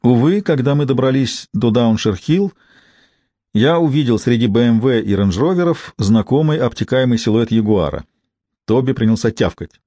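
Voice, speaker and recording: A man's voice: mid-range voice, lively intonation, normal speed, warm tone, no room sound. Man narrating a wry first-person audiobook. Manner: dry, ironic storytelling.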